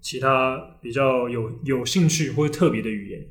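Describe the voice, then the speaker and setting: A man's voice: mid-range voice, normal speed. A man with a Taiwanese Mandarin accent hosting a casual podcast chat, telling stories with frequent restarts and fillers. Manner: hesitant storyteller, many restarts and fillers. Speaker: podcast host.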